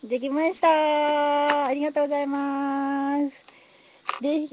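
A woman's voice: high-pitched, little pitch movement, unhurried. A woman live-streaming from her phone, chatting casually and thanking viewers for their comments as she builds. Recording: slightly dull phone stream audio, faint noise.

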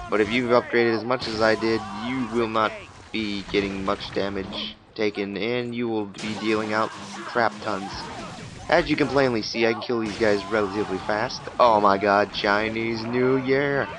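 A young man giving goofy let's play commentary, with sudden loud exclamations while he fights. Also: lowish voice. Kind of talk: gameplay commentary. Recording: game music loud under the voice.

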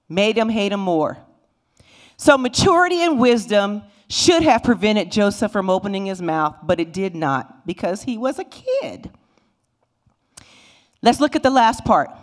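A middle-aged woman teaching a Bible lesson in a church sanctuary, speaking into a handheld microphone and retelling the stories with lively voices for the figures. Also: medium pitch. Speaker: Sunday school teacher.

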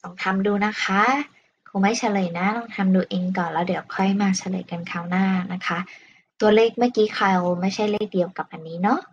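A woman with a Thai accent teaching an English lesson, explaining patiently in a slow, polite way. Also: mid-range voice, highs cut off, slight background noise. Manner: patient, explains slowly, ends phrases with polite particles.

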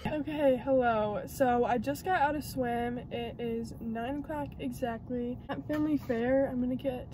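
A woman's voice: fairly high pitch, steady tone, a little slow, hardly any pauses, mellow, slight background noise. A young woman talking casually to camera in a vlog, chatty and full of "like" and "basically". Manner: chatty, uses lots of "like" and "basically". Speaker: vlogger.

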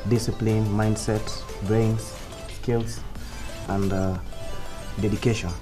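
A quiet Kenyan man in his twenties, answering slowly as a dating show contestant. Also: fairly low pitch, little pitch movement, music in the background. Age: 20s. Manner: quiet, measured.

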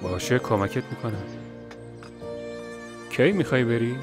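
A man's voice: medium pitch, animated, natural voice. An actor dubbing a young man who defends a woman to his mother in a firm, exasperated way. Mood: gentle. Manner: firm, exasperated, then pleading. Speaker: son. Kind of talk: Persian dub of a TV drama. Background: music score.

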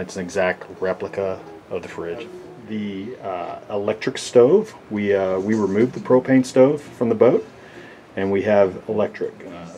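A man giving a casual walkthrough of his sailboat from behind the camera, relaxed and halting with lots of fillers. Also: lowish voice. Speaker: boat owner giving a tour. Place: inside a sailboat cabin. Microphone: handheld camera mic, speaker off camera.

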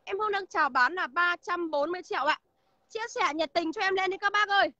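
A woman's voice: very high voice, fast talker, sharp tone, no room sound, highs cut off. A woman selling used cars on a livestream, listing features and prices in a chatty way and greeting viewers by name. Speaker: used car seller. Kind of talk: livestream sales pitch. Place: outdoor used car lot.

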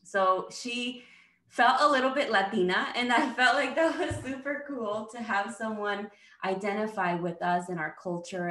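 A woman in her thirties hosts a podcast over a video call, her voice carrying a roomy echo from her room. She welcomes her guest brightly and asks her questions in an easy, conversational way. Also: medium pitch. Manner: warm welcoming, mixes in Spanish greetings. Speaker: podcast host. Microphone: video call webcam.

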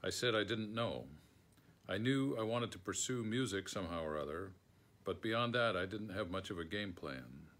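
An older American man from Schenectady, New York, reads his written memoir foreword aloud as scripted narration in a book-lined room at home. His voice is deep and a bit bright, with a moderate pace.

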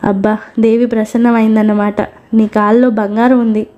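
A woman's voice: on the high side, level tone, moderate pace, dark tone, lo-fi sound, close to an everyday voice. A woman voicing an affectionate young husband in a read-aloud story, teasing his wife in plain lines.

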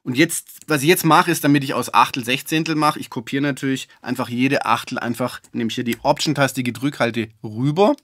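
A man giving a relaxed, chatty music-software tutorial, with fillers and self-corrections. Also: medium pitch, fairly quick, hardly any pauses, no echo. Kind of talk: screen-recorded software tutorial.

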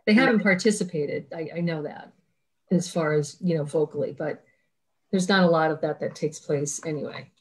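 Woman, board member, lowish voice, hesitant, restarts, video meeting. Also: normal speed. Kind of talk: public meeting discussion.

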